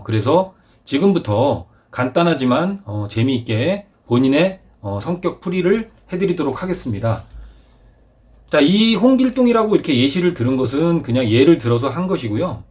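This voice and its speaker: Man with a lively pitch, explaining step by step. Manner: polite formal, with many filler "eo" and "ja" pauses. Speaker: channel host explaining fortune-telling. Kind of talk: explanatory screen walkthrough.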